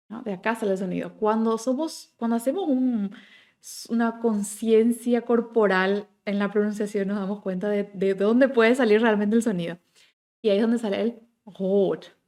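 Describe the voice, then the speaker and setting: A middle-aged woman from Paraguay with a Paraguayan Spanish accent, giving an online German pronunciation lesson. She keeps checking in with her viewers and slowly repeats each German example word. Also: fairly high pitch, darkish tone. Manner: checks in constantly with "¿ya?" and "¿ok?"; models German words slowly and repeats them. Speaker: German teacher.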